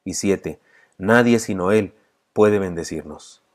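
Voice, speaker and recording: A man with a low voice and a Mexican Spanish accent preaches a sermon. He tells a story at length, then counts off his teachings in a measured, deliberate way. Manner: measured preaching, enumerating points one by one; storytelling retelling a film plot. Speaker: pastor. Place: church.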